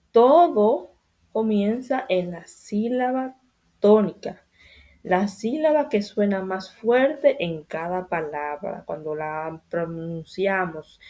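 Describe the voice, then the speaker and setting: Woman teacher addressing children, unhurried and deliberate, mellow tone, repeats key points. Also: mid-range voice. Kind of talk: spanish grammar lesson for children.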